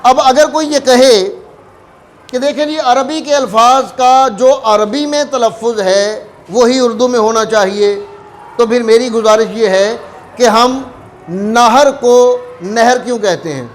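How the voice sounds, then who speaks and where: A man teaching word pronunciation in a careful, deliberate way, repeating key words for emphasis. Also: very high voice, slight background noise. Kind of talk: explanatory lesson.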